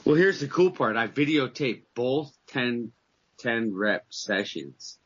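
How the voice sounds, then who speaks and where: A man in his fifties co-hosts a podcast, bragging and joking through casual banter and animated, boastful storytelling. His mid-range voice is slightly rough and slow, captured in dull lo-fi podcast audio.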